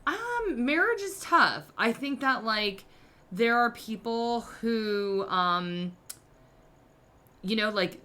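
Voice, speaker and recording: Speaking slowly in an animated, fairly high voice with a bright, forceful edge, this thirtysomething podcast host hands out candid relationship advice. She pokes fun at herself and says "like" constantly.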